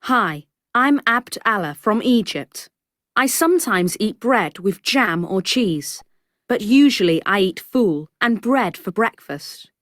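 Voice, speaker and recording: A woman voicing a cheerful boy in a textbook listening recording, reading slowly and carefully. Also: medium pitch, lively intonation, fairly bright tone, no echo, studio quality. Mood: friendly. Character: cheerful boy from abroad describing breakfast. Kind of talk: scripted textbook audio.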